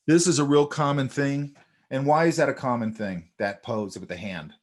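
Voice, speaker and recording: A man teaching a sketching class in a relaxed, chatty way, telling stories while he points out details in drawings. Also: mid-range voice, moderate pace. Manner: animated, storytelling, talks over drawings. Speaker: art instructor. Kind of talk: casual teaching chat.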